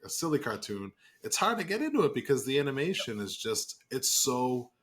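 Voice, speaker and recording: A man's voice: mid-range voice, sing-song, fairly bright tone. A man co-hosting a podcast, chatting casually and stumbling over his first words. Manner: halting, repeats words when starting. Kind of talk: casual chat.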